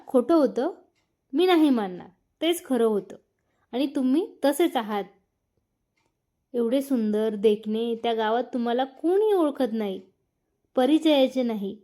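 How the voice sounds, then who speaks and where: A woman's voice: fairly high pitch, animated, unhurried, warm tone. A woman voicing a young wife who is hurt and accusing, read as a storybook. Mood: angry. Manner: accusing, emotional. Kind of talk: storybook narration.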